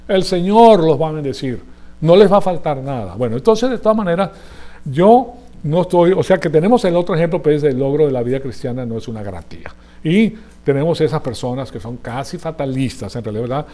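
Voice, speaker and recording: Spanish-speaking preacher with a mellow voice. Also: male voice, on the high side, animated, a little fast. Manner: conversational, asks the audience for agreement. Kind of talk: sermon.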